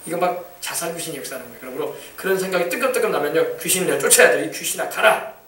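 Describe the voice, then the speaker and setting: Racing and animated, a male pastor's voice on the high side, a bit bright, fills a church sanctuary as he preaches with emphasis, repeating words and shouting hallelujah. It is recorded from far off in an echoey hall.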